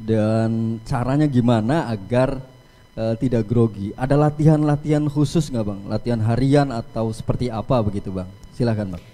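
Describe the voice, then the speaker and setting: A man's voice: medium pitch, normal speed, dark tone. A man hosting a talk show, enthusiastic and respectful toward his guest as he asks questions and leads into breaks. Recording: hall reverb with faint crowd and noise.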